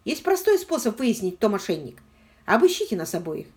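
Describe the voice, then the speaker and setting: A woman's voice: medium pitch, big pitch swings, brisk, a little mellow. A woman doing an urgent, heated young man. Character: determined young man, wrongly accused.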